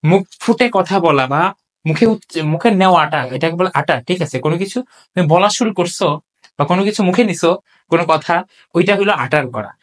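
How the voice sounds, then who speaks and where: An English tutor, recording an exam-solution lecture, working through answers step by step with many rhetorical questions and frequent checks that students follow. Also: medium pitch. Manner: reads English sentences out slowly and deliberately. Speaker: English tutor for admission exams.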